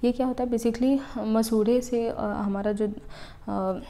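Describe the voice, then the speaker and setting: Teacher lady going through letters one by one, soft mellow tone, keeps saying theek hai. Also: a little high, steady tone. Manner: explains step by step, repeating "ठीक है" to check understanding; sounds out letters slowly for pronunciation. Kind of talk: exam-prep Hindi grammar lesson.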